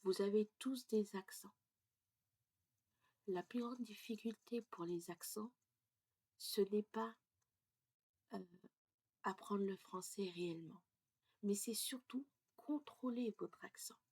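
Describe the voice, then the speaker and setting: French pronunciation teacher lady, slow and careful, gravelly husky voice, keeps asking ok?. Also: medium pitch, dark tone. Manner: explains step by step, checks in with "ok?"; slow, deliberate delivery. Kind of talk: casual lesson.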